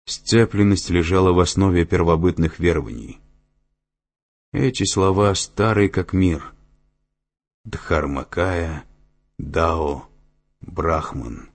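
A man playing a calm, learned brother. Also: sits low, slow pace, pauses often. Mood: assured. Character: learned older brother, calm and assured lecturer.

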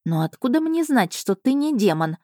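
A nervous young heroine protests and questions in a raised, flustered voice, as a woman reader puts her on. Her tone stays mellow, recorded dry and near. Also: a little high, sing-song, normal speed, no room sound, pitched above the performer's own voice. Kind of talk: audiobook reading.

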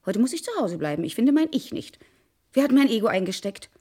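Stage play: sarcastic estranged wife, high-ish voice, biting and mocking. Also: female voice, very animated, dark tone, slightly rough. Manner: sarcastic and biting, shifting fast between scolding and mockery. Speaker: actress.

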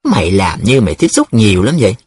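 A man voicing a defensive, flustered young male student in love, with a husky voice. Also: lowish voice, wildly swooping pitch, quick pace, no echo, clean studio sound, exaggerated voice. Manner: defensive, hesitant.

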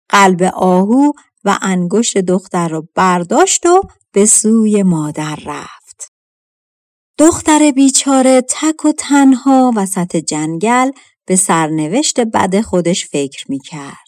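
A woman narrating a folktale audiobook in a measured, expressive reading. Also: medium pitch, no echo, clean studio sound. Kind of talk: scripted storybook narration.

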